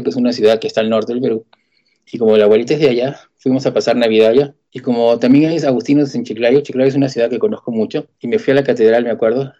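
A middle-aged Peruvian man with a Peruvian accent tells his story, colloquial and animated. He acts out the people he quotes. His mellow voice moves at a quick clip and comes through a muffled, lo-fi recording. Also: mid-range voice. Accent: Peruvian Spanish. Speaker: guest telling his story. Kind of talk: personal testimony storytelling.

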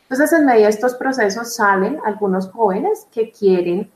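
A woman's voice: on the high side, expressive, normal speed, echoey room, poor audio. A woman, a religious sister answering interview questions in an earnest, reflective way with frequent fillers. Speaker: religious sister, vocation coordinator.

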